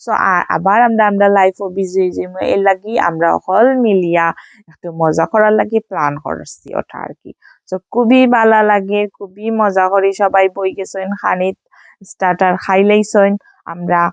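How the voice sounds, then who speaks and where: A woman's voice: medium pitch, steady tone, normal speed, no room sound, muffled recording. A woman from Sylhet, Bangladesh, with a Sylheti Bengali accent, chatting casually in a vlog voice-over and sprinkling in English fillers. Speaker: vlogger.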